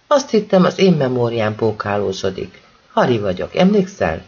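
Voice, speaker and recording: A man voicing a gentle, fatherly older man with a soft, coaxing way of speaking. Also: mid-range voice, big pitch swings, breathy edge, highs cut off.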